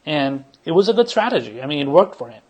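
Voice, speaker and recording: A man's voice: on the high side, very animated, fast talker. A man hosting a political commentary podcast, talking in a rambling way with many restarts, fillers and casual swearing. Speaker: podcast host.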